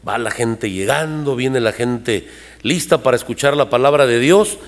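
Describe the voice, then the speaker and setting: A man's voice: medium pitch, normal speed, long reverb tail. A man preaching a sermon to his congregation, talking conversationally and asking them rhetorical questions. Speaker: pastor. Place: church hall.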